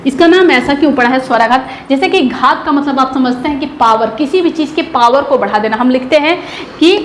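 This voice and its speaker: A woman a high voice teaches grammar for an exam. She keeps asking questions and answers them herself, repeating each key term. Her voice rings in a room a lot of echo, and faint noise runs underneath. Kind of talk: exam-prep lesson.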